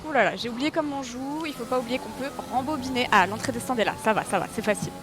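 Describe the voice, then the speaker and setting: Streaming a racing game with engine noise behind her, a fast-talking woman with a slightly high voice chats excitedly to her audience. Her live commentary is full of yelps at her mistakes and self-mockery.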